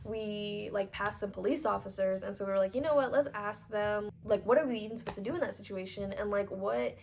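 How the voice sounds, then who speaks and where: A woman in her twenties telling a storytime vlog, chatty and animated, full of fillers, acting out what people said. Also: medium pitch, fairly quick, gravelly. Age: 20s. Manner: chatty and animated, lots of "like", voices quoted people. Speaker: vlogger. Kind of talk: storytime vlog, casual retelling.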